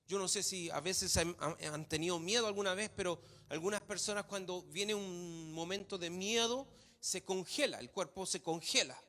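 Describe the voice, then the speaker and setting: A man's voice: high-pitched, normal speed, sharp tone. A man preaching a sermon in a church hall, emphatic, repeating phrases for stress. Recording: long hall reverb.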